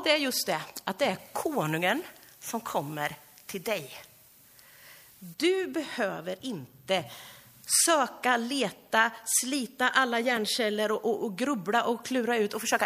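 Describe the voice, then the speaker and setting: A Swedish woman preaching a sermon during a church service, acting out the cries of the people with lively expression. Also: a little high. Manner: animated, acts out cries of the people. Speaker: pastor.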